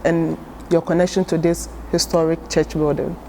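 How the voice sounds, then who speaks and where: A woman's voice: sits low, level tone, normal speed, darkish tone, slight background noise. A woman volunteer interviewer putting prepared questions, with short backchannel replies, in an oral history interview.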